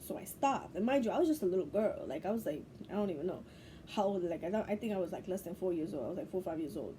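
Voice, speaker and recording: A woman's voice: lowish voice, expressive, rapid-fire, dark tone, slight background noise. A young woman from Bangladesh, a spiritual teacher, telling a personal story to camera in a loose, profane, laughing way.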